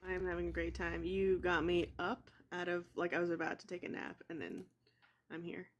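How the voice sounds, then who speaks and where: A woman with a somewhat low voice chats as a guest on a live stream. Her delivery is relaxed and offhand, with a dry edge. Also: brisk, dull audio, slight background noise. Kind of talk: casual live stream chat.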